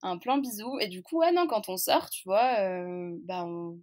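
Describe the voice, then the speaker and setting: A woman's voice: mid-range voice, big pitch swings, a little slow, a little mellow. A French woman in her twenties, a podcast guest telling a personal story in a chatty, candid, hesitant way. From France. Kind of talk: casual storytelling interview.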